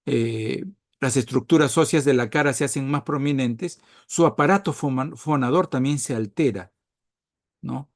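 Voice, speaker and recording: A man's voice: medium pitch, normal speed, no room sound, studio quality. A man giving a recorded medical lecture, checking on his listeners with frequent tag questions and stressing key words.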